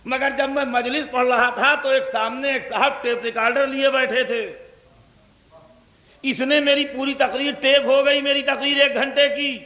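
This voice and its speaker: This 1982 tape, echoing through a large hall, captures a male preacher with a Lucknow Urdu accent giving a majlis sermon to a big gathering. His very high voice sounds pushed and bright yet flat in delivery, and he keeps illustrating points with repeated examples and questions for the crowd.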